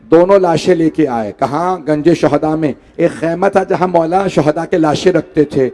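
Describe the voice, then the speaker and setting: A man's voice: on the high side, moderate pace, dark tone. A man preaching a mourning sermon, pleading with his listeners and rising into a wailing lament. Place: large hall.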